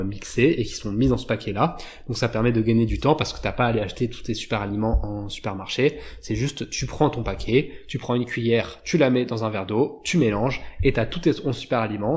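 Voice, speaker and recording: A man's voice: mid-range voice, a little mellow. A man explaining advertising and copywriting in a casual, informal way, with frequent fillers and self-corrections. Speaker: YouTube marketing educator.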